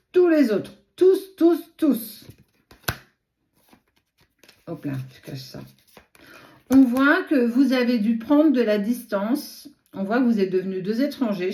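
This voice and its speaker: A woman with a mellow voice reads tarot cards in an echoey room. She has a noticeable lisp that turns her s sounds slushy, close to sh. She speaks off the cuff, addressing the listener directly and dropping in asides. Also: medium pitch. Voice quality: lisp with slushy sh-like s from a swollen tongue. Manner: direct second-person address, frequent asides. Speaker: tarot card reader and host. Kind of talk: spontaneous tarot reading to camera.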